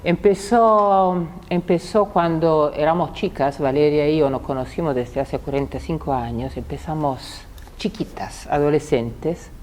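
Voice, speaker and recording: A woman in her sixties from Italy, a native Italian speaker with an Italian accent, gives a public talk in a low, slightly mellow voice. She often repeats words while searching for them.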